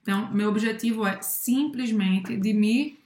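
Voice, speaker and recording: Brazilian female teacher from the Northeast, patient explainer, slightly high, roomy echo. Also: measured pace, darkish tone. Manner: explains pronunciation patiently, checks with "tá?". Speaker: French teacher. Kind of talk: casual language lesson.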